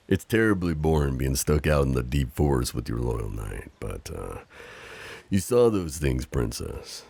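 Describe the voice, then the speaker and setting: In this improvised romantic audio roleplay addressed to the listener, a man gives full character voice to a loyal, overprotective knight hiding a princess. The voice is extremely low, crackly, creaky and husky, recorded close and dry without echo. Courtly and tender yet teasing, his tone swings lively, with a teasing, protective mood and an overprotective temper.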